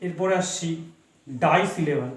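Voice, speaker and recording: A male teacher giving a lesson. He talks slowly, repeats himself and spells words out letter by letter. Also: on the high side, echoey room. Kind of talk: explaining English basics in Bengali.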